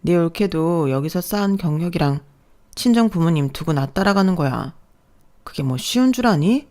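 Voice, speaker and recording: A woman's voice: on the low side, lively intonation, normal speed, a little mellow, lightly acted. A woman voicing a husband who scolds his younger sister in a storybook radio reading, stern and reproachful. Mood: scolding.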